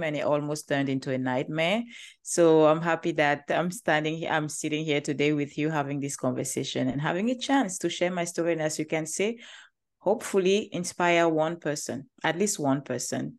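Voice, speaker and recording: A woman from Cameroon with a Cameroonian accent, a company founder talking about her life in an interview, earnest and quick to laugh lightly. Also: low-pitched. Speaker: guest, agency founder. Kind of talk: interview conversation.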